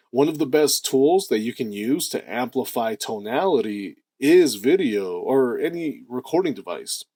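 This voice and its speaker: With a breathy edge to his deep voice, the host of a self-improvement channel gives an energetic motivational talk, stressing important words and slowing to draw phrases out. The audio is dry and close, with no echo or room sound.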